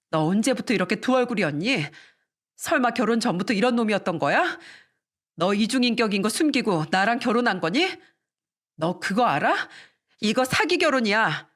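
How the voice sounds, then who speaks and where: A woman's voice: a little high, fairly bright tone. A woman voicing an enraged young wife who hurls insults and accusations in a storytelling radio drama. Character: furious young wife confronting her husband.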